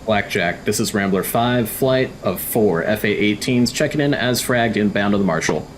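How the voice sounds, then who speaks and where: A man's voice: on the low side, moderate pace. A man leading a flight in a combat flight sim, making pilot radio calls during gameplay. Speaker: flight lead in a flight sim game. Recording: clear background noise with clicks.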